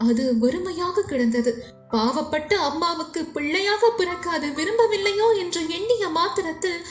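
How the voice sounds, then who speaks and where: A woman's voice: very high voice, moderate pace. Young woman, Sri Lankan Tamil accent, dramatic novel narration, echoey room. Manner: emotive, dramatic. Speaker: storyteller. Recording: echoey room with faint music.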